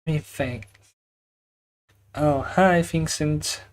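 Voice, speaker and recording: His voice sits on the high side and moves extremely slowly. He's a drawing livestreamer from China with a Chinese accent, casually talking to viewers, frequently hunting for the right word and chuckling.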